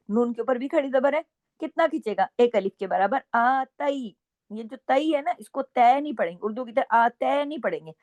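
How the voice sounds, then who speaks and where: A woman teaching Quran recitation rules, alternating slow drawn-out recited examples with brisk explanations and frequent "okay?" checks. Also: fairly high pitch, dry recording. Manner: repeats checks like "okay?" and scolds gently. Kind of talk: tajweed lesson with recited examples.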